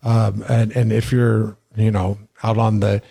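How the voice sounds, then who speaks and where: A man's voice: on the low side, level tone, measured pace, gravelly, dark tone, breathy edge. A man co-hosting a casual podcast, talking through ideas with frequent restarts. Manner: conversational, hesitant restarts.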